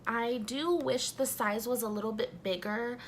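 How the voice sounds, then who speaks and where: A young woman doing a casual makeup review at home, talking softly and a little sleepily as she applies primer. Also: on the high side, normal speed, slight background noise. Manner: soft-spoken, just woken up. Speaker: beauty vlogger.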